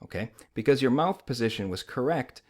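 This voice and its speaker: A man's voice: medium pitch, expressive, fairly quick, darkish tone. A man with an American accent explaining as a language teacher, conversational and often checking that the learner follows. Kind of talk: informal instructional explanation.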